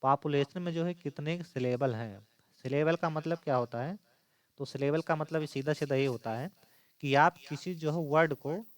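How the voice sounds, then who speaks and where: A man's voice: fairly high pitch, no echo. A man teaching an exam-prep lesson, explaining step by step and repeating key points.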